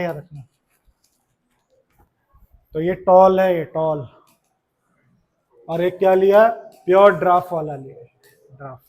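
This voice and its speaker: Man teaching a classroom lesson, high voice, chatty, keeps asking questions. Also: a little mellow.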